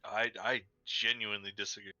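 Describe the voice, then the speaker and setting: Forceful-voiced joking man, dull mic. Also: fairly low pitch, little pitch movement, a little fast, no echo. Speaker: player. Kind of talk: casual tabletop game chat.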